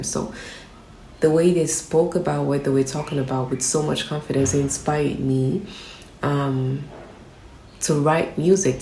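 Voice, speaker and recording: A young woman from Nigeria, a rapper, speaks in a deep, flat, gravelly voice. She answers steadily and thoughtfully, pressing harder when she states an opinion. The room is echoey, with a faint hum of ambience behind her. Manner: reflective, steady, grows emphatic on strong opinions. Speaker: rapper interviewed as guest. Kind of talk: relaxed interview answers. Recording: roomy echo with faint background ambience.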